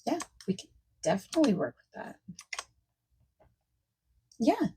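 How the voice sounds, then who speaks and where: This ASMR roleplay features a woman as a friendly, accommodating party planner, speaking in a fairly high, pushed-up, very animated voice that's softspoken and sometimes almost a whisper. Reassuring and helpful, she chats casually and pauses for unheard answers. Faint noise and keyboard typing and clicking are audible.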